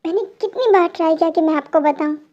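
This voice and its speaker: A woman's voice: very high voice, fast talker, dull audio. A woman voicing an angry, pregnant young wife who scolds her husband in an amateur fan dub. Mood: scolding. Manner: sharp, sulky scolding.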